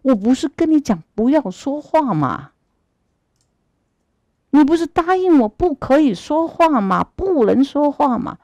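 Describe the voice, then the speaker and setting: A woman voicing a stern male god who scolds with high, indignant questions. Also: very animated, measured pace, warm tone, dry recording, dull audio, heavily acted. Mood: scolding.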